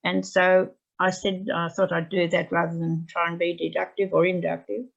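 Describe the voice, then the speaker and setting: A woman's voice: lowish voice, flat delivery, normal speed, creaky. A woman English teacher telling a classroom story to fellow teachers, chatty and rambling, speaking from home on a video call. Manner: chatty, rambling, with fillers and restarts. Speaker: English language teacher presenting. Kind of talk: anecdotal presentation to teachers. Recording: dull lo-fi video call audio.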